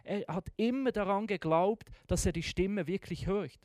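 Lively casual storytelling preacher. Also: medium pitch, normal speed, dry recording, studio quality. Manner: casual, slangy, dramatic retelling.

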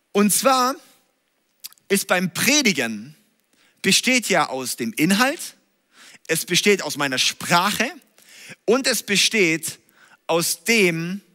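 Bright-voiced, emphatic male preacher. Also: high-pitched, big-room sound. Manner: energetic, emphatic, asks listeners tag questions. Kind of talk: livestreamed teaching talk. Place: stage in a church hall.

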